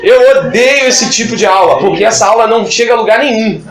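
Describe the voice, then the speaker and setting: A man's voice: high-pitched, brisk, over music. A man leading an informal Bible study, talking in a chatty, joking way and acting out classroom exchanges. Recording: echoey room with background noise.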